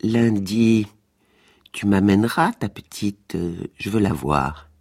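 A man voicing a suspicious old mother over seventy with a cracked, raspy voice. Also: lowish voice, expressive, takes it slowly, a little mellow, no room sound, studio quality, pitched above the performer's own voice, exaggerated voice. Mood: stern.

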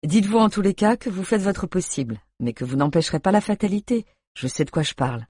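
A grumpy, sardonic male doctor, read by a narrator in an audiobook, curt and deadpan with his jokes. The voice stays husky and dry, close to the mic. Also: mid-range voice, fast talker, dry recording, natural voice.

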